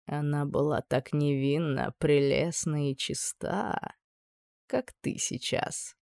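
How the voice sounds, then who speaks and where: A woman voicing a scheming, menacing older male judge with a low, insinuating purr. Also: fairly even intonation, slow pace, vocal fry, a little mellow, no room sound, full character voice.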